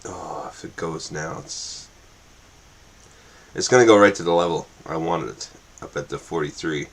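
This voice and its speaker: A man's voice: very deep voice, moderate pace. A man streaming his live trading session, muttering and repeating himself as he watches the chart, on a makeshift microphone. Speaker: day trader streaming live. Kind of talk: live trading commentary, thinking aloud. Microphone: makeshift or built-in mic, not a proper microphone.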